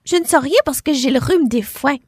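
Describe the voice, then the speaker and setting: A woman voicing a brave, cheerful little girl in a storybook reading, with an eager, bright child voice. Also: sits high, normal speed, dry recording, pitched above the performer's own voice.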